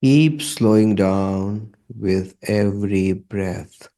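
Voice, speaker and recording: A man with a lowish voice guides a meditation, calm and measured, leaving long pauses between short phrases.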